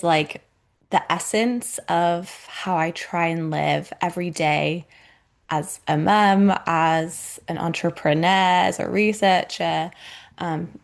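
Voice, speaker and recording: A woman's voice: fairly low pitch, gravelly. A woman in her thirties hosting a podcast, talking in a chatty, reflective way with lots of fillers. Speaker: podcast host. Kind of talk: casual solo podcast talk.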